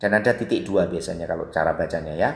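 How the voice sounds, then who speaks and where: A man with an Indonesian accent teaching English, explaining patiently and repeating example phrases slowly. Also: low voice, roomy sound. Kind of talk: explanatory lesson.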